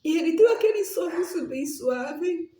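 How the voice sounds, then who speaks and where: High-voiced woman preaching a testimony. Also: lively intonation, unhurried, warm tone, reverberant, a little hiss or hum. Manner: earnest, addresses the listeners as "amados". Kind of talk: emotional testimony sermon.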